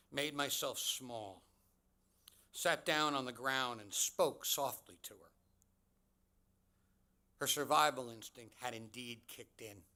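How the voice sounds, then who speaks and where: A man giving a commencement address, telling a personal story in a measured, deliberate way with dramatic pauses. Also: mid-range voice, sharp tone. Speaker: commencement speaker.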